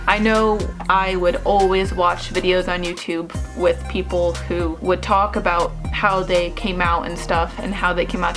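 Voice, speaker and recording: A young woman vlogger chatting casually to viewers in a loose, slangy, self-deprecating way. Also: fairly low pitch. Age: young adult.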